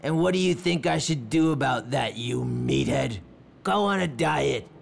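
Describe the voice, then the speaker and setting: An irritable, bossy villain for a children's audio story. The voice is extremely gravelly and slow, with sneering, widely swinging intonation. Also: male voice, a little high, big pitch swings, fairly bright tone, faint music behind, pitched above the performer's own voice, heavily acted. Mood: scornful, impatient. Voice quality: heavily creaky, gravelly.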